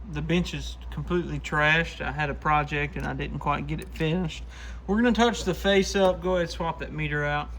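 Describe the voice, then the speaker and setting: Hosting a repair shop channel, a man walks through a hands-on demo in plain, informal language. His voice sits on the high side with a fairly bright tone, and the shop recording is clearly noisy.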